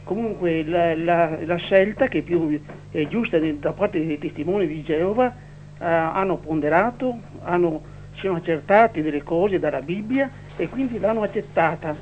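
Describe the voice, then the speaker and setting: First-time male caller from the Veneto, measured and explanatory, high voice, muffled line. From Veneto, Italy. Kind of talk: phone-in radio call. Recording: muffled phone line with faint hum.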